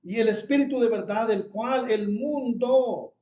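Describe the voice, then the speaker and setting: A man's voice: very high voice, measured pace, mellow. A man preaching a sermon and reading Bible verses, emphatic and repeating his key phrases. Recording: echoey room, dull lo-fi sound.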